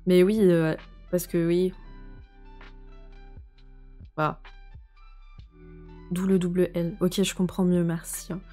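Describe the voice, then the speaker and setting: A young woman streamer with a warm, lowish voice chats casually and rambles with her viewers. She answers chat messages as she goes along.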